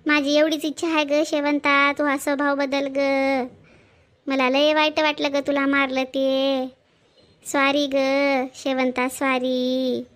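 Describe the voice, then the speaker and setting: High-pitched marathwada lady grumbling away, blunt and rustic, homemade village skit. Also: completely flat delivery, takes it slowly, a bit bright. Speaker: storyteller playing family roles. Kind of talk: homemade village comedy drama.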